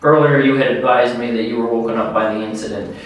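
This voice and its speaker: A man's voice: medium pitch, fairly even intonation, quick pace. A man working as a detective, questioning a witness in a formal, procedural way, heard on a played-back interrogation tape recorded in a jail interview room. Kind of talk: police interview. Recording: echoey room tape from far off.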